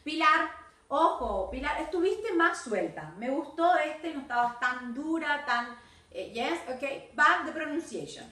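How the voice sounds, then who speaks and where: A woman's voice: high voice, animated, a little slow, sharp tone, roomy sound, far from the mic. A woman English teacher with an Argentine Spanish accent, giving feedback on students' videos, mixing Spanish and English and correcting pronunciation and grammar.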